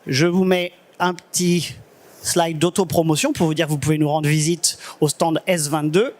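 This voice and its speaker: A man presenting at a business conference, wrapping up his slides in an informal way. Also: fairly high pitch. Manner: informal, with fillers. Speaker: conference speaker.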